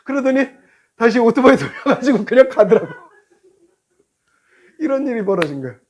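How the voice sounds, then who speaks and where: A male pastor giving a sermon, telling a road-rage story in an animated way and acting out both drivers. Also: extremely high pitch, moderate pace.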